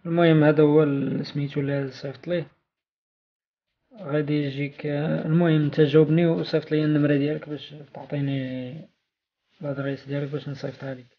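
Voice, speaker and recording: Male vlog host, Moroccan accent, very rapid informal giveaway announcement, slightly high voice, dull lo-fi sound. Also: little pitch movement. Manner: informal, off-the-cuff. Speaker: video channel host.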